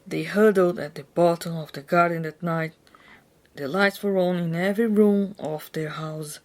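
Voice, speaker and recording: A woman giving a dramatic, hammy reading of a children's story in a deliberate, theatrical manner. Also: on the low side.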